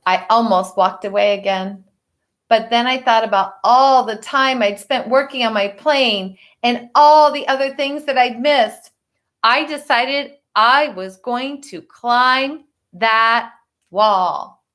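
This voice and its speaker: Her voice a little high and a bit bright, a woman reads a children's picture book aloud. She uses dramatic pauses and expressive delivery, and adds teacherly explanations along the way.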